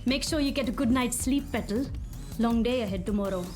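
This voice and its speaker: In a lightly acted video game role, a woman voices the foul-mouthed boss of a robot workshop, caustic, scornful and sarcastic, with a grudging, sardonic mood. Her voice sits on the high side, a little fast and a little mellow, with faint music behind her.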